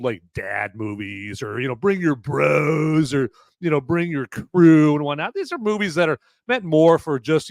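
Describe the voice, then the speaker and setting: A man hosts a live movie review podcast in a loud, carrying voice of medium pitch, rambling casually with lots of fillers and restarts. There is no room sound.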